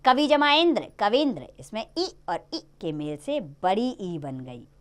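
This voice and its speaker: Speaking unhurriedly in a fairly low voice, a woman explains grammar rules to children one step at a time. Her delivery is lively and sing-song, with each example given stress.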